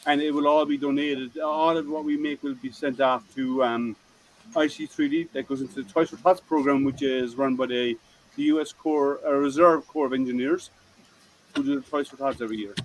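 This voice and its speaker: A man's voice: medium pitch, steady tone, moderate pace, a little hiss or hum, rough recording. A man hosting a casual livestream hangout, chatty and rambling, often restarting his sentences as he greets viewers. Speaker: host.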